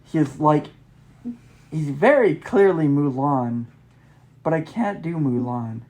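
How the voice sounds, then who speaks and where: A woman's voice: sits low, lively intonation, slow, darkish tone. A woman co-hosting a story game playthrough with casual banter. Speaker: co-host of a game reading channel.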